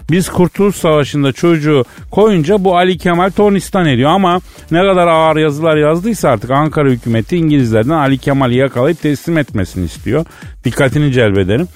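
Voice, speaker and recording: A man from Elazığ telling a comic story as a radio co-host, chatty and lively. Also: medium pitch. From Elazığ, Turkey. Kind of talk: comic radio banter with a fake phone call.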